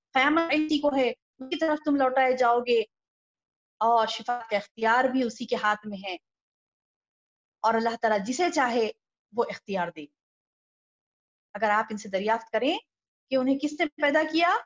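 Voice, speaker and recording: A woman giving a religious lesson, explaining scripture verse by verse, rising when she quotes and dropping low for asides. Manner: expressive, rises when quoting verses, drops low for asides. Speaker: Quran teacher. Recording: dull lo-fi recording.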